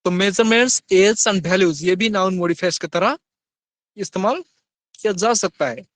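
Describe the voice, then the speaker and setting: A man teaching grammar in Hindi, reading examples slowly and then asking his students quick questions. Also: sits high, a bit bright, dry recording. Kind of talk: Hindi-English grammar lesson.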